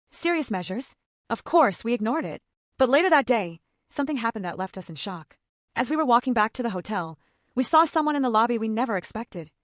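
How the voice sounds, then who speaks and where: A woman's voice: mid-range voice, no room sound, clean studio sound. A woman narrating a first-person drama story in a scripted, dramatic storytelling manner.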